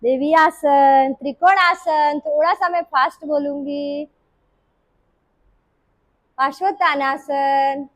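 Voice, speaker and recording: A woman leading a live yoga class, calling out poses in short, brisk commands. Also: high voice, fairly even intonation, a bit bright, low-quality recording. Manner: brisk, commanding cues mixing Hindi and English. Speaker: yoga instructor.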